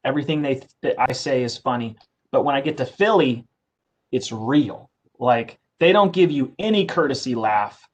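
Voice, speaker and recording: Here a council host interviews a guest, his mid-range voice animated and at normal speed. The chat is casual and friendly, and he reads out the guest's background.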